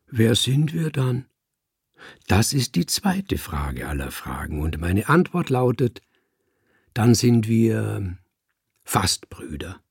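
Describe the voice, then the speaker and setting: A man reading a literary story aloud as an audiobook, voicing the dialogue in a slow, deliberate storytelling manner with soft, hushed dips. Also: mid-range voice, gravelly, slightly rough, no room sound, studio quality. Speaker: audiobook reader.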